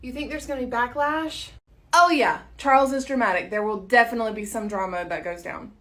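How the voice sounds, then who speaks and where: A woman's voice: on the high side, fairly quick, sharp tone. A young woman chatting through a casual role-play storytime with lots of fillers.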